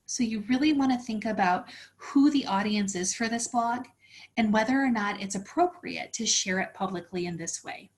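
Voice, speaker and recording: A woman presenting a teacher workshop, explaining tools step by step in a friendly, practical way. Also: mid-range voice. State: slightly out of breath. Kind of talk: instructional webinar walkthrough.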